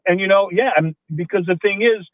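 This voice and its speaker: A man's voice: sits high, fairly quick, no echo. A man calling in to a radio show, asking pointed, challenging questions. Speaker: caller. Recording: phone line.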